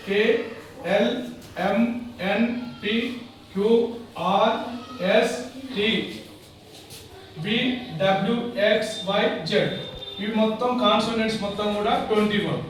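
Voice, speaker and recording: A man teaches a classroom lesson, going over each point again and again and answering his own questions. His voice sits high and comes from some distance away from the mic. The room around him is very echoey. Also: slight background noise.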